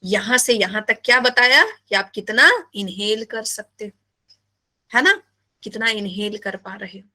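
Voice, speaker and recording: A woman teaching biology in a live class, animated and playful, often asking her students questions. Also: medium pitch, unhurried.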